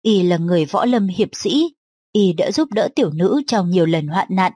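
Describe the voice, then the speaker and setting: A woman's voice: fairly low pitch, animated, moderate pace, dark tone, husky. A woman reading the lines of a polite young woman earnestly pleading, in a storybook. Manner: earnest, respectful.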